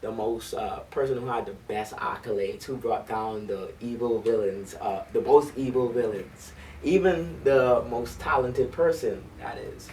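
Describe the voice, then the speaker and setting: A man's voice: mid-range voice, unhurried, hardly any pauses, a little mellow, distant mic, slight background noise, low-quality recording. A man who directs a school band, talking eagerly in an interview with lots of ums and restarts. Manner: eager storyteller with frequent um and restarts. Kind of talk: conversational interview. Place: library.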